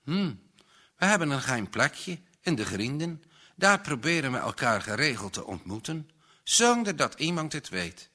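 A man's voice: medium pitch, big pitch swings, normal speed, bright, forceful tone, pitched above the performer's own voice. A man voicing an earnest, devout young man.

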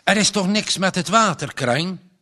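A man reading aloud and voicing a startled, gruff farmer and father who exclaims loudly. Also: high voice, lively intonation, a little slow, pitched above the performer's own voice, heavily acted. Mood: alarmed.

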